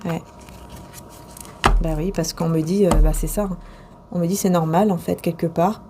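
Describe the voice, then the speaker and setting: A woman's voice: lowish voice, fairly even intonation, normal speed, very noisy. A woman reading tarot cards to the viewer in a casual, rambling way, with many hesitations and restarts. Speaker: tarot and oracle card reader.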